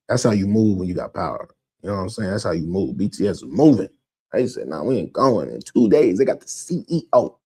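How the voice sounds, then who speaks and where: A man's voice: on the low side, vocal fry, dark tone, slightly rough. A man giving casual, comedic music industry commentary in a slangy style, with stammered restarts and acted-out scenes.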